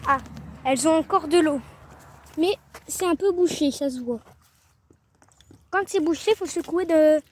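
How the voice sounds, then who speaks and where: A woman's voice: high-pitched, darkish tone. A teenage girl from France, vlogging casually outdoors by her chickens, rambling and often trailing off mid-sentence. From northern France. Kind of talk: casual vlog. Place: outdoor garden by a chicken coop.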